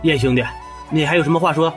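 A man's voice: on the high side, fairly even intonation, quick pace, music in the background, close to an everyday voice. A man voicing a bold, teasing young officer who talks brashly and pushily in a historical audio drama. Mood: pushy. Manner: brash, pushy, joking.

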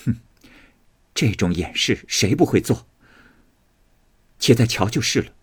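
A man voicing a proud, sharp-tongued young noblewoman who speaks scornfully and defiantly. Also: on the low side, lively intonation, a little slow, husky, dry recording, clean studio sound, full character voice.

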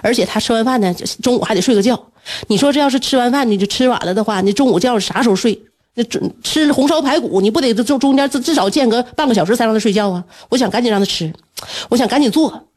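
A woman, a radio host telling a story in an animated way and laughing often. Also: fast talker. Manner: animated, laughing often, breaks into shrill scolding.

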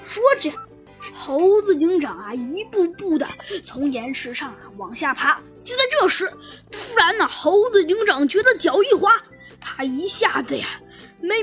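A woman narrating a children's story in a lively, exclamatory way. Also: very high voice.

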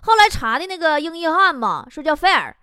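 High lively Northeastern Mandarin woman comic. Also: brisk, no room sound, clean studio sound. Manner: lively storytelling with dialect slang and chuckles. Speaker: talk show comedian. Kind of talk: stand-up comedy monologue. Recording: noisy recording with clicks.

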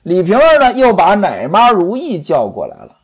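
A male storyteller in a traditional style, turning to his listeners as he narrates. His pitch sits a little high and swings about lively, with a husky grain throughout. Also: moderate pace.

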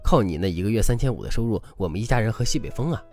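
A man's voice: on the low side, animated, very fast, a little mellow, faint music behind. A man voicing a resentful angry husband. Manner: angry, defensive. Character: proud, resentful husband defending himself.

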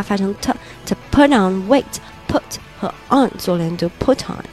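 A woman teaching spoken English, explaining phrases and slowly drilling pronunciation word by word. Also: medium pitch.

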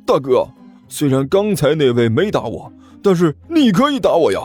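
A man voicing a whiny younger sworn brother who begs, high and fast, in a husky voice with soft music behind. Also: big pitch swings. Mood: pleading. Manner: high, fast, wheedling and begging.

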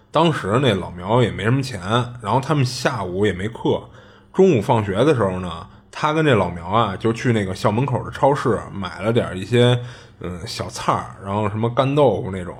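Low-voiced man telling a ghost story. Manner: chatty, colloquial, with many filler restarts. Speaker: podcast host.

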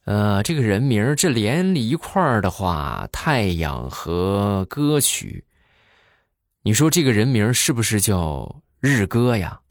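A man's voice: on the low side, very animated, measured pace, no room sound, clean studio sound. A man performing a stand-up comedy monologue, telling stories with jokey asides and rhetorical questions.

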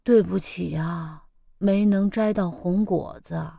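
A woman voicing a gentle, doting chicken father in a children's storybook reading, talking softly and patiently. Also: mid-range voice, expressive, slow pace, no echo, pitched below the performer's own voice. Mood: hurt. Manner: soft, patient, indulgent. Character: gentle, doting, good-natured chicken dad.

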